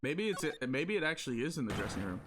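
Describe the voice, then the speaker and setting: A man's voice: medium pitch, big pitch swings, fast talker, noisy background. A male streamer muttering casual commentary to himself while playing a game.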